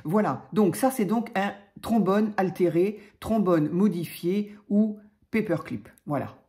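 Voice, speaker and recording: A woman's voice: medium pitch, animated, unhurried, dark tone. A woman hosting her craft channel, chatting casually and gushing over paper creations with many fillers. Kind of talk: casual chat unboxing crafts.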